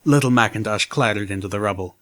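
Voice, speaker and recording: A man narrating a fan fiction audiobook in the first person, with steady storytelling. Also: on the low side, fast talker.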